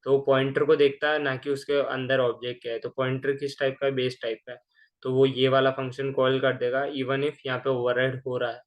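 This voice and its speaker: A man's voice: mid-range voice, flat delivery, fairly quick. A man giving a casual programming lecture, explaining step by step and often checking in with the listener. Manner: conversational, keeps asking "ठीक है ना?". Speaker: programming teacher. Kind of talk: casual screen-recorded coding lecture.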